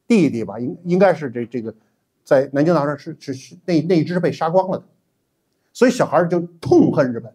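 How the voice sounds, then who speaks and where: A middle-aged man giving an animated, emphatic history lecture as a teacher, with frequent 'ah' fillers. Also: on the high side, slightly rough. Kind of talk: classroom-style history lecture.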